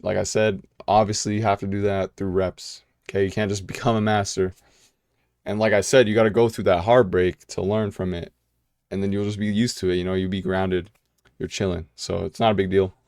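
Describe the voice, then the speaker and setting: A young American man with a fairly low, slightly mellow voice answers viewer questions in a casual vlog. The recording is clean studio sound with no echo. He talks loosely, full of "you know"s, fillers and restarts.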